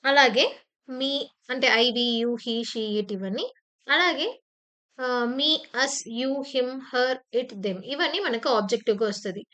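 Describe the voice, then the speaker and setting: Patient Telugu-speaking woman teacher, high voice. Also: slow pace, bright, forceful tone. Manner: explains patiently with repeated examples and fillers; acts out short example phrases with sudden emphasis. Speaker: English teacher. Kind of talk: exam-prep lecture in Telugu mixed with English terms. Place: online class recording.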